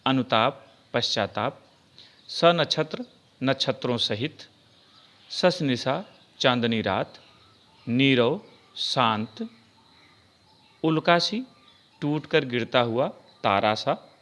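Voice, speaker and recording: A man teaching a Hindi poetry lesson in a formal, measured way, reciting verse in a drawn-out cadence. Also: medium pitch, animated, fairly bright tone. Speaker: Hindi lecturer. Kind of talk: classroom lesson explaining a poem.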